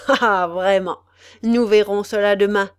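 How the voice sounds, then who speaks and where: A woman voicing a cruel, greedy male executioner who haggles over a body, with haughty, loud outbursts. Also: medium pitch, lively intonation, measured pace, no echo, natural voice. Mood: haggling.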